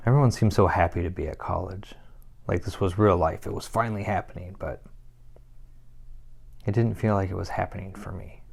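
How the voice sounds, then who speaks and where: An actor playing a troubled young man who confides a painful past in a halting dramatic monologue broken by pauses. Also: sits low, gravelly, darkish tone.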